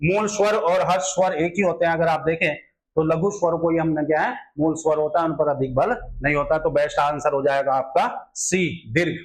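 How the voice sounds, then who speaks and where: A man with a fairly high voice talks through a grammar lesson aimed at exam preparation. He explains every answer step by step, keeps circling back with rhetorical questions and repeats his key points. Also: fairly even intonation, brisk, poor audio. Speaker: teacher.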